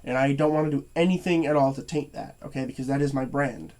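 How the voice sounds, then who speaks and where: Tired and congested, a young male movie reviewer delivers a casual rant full of stuttering, halting, fillers and restarted sentences. He speaks at a medium pitch with fairly even intonation and a darkish tone.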